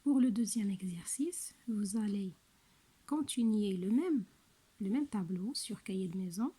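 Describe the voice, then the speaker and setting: Slow, husky French-speaking teacher woman. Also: on the high side, mellow. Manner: slow, careful, repeats each word twice. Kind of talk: recorded lesson for young pupils.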